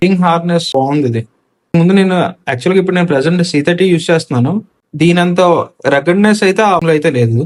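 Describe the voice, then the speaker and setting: A man with a Telugu accent, his voice on the higher side and a bit mellow, does a casual hands-on unboxing and installation of some gear. He's a reviewer who slips English technical words into his commentary.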